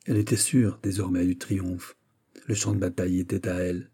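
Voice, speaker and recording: Rich: A man narrating a classic novel with measured, steady storytelling. His voice is low and very dark, with a husky, slightly breathy texture. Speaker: audiobook narrator. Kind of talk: scripted literary narration.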